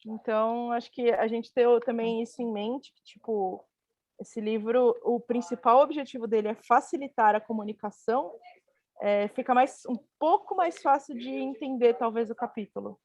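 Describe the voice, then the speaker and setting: A woman's voice: on the high side, moderate pace, darkish tone, no room sound. A woman in a casual book group talk, using filler words.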